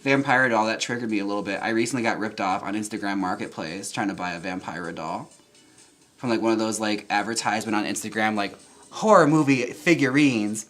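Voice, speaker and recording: A young man chatting casually with viewers while getting ready, campy and quick to laugh. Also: fairly low pitch, fairly bright tone. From United States. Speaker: drag performer and channel host. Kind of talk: casual chat while reading viewer comments.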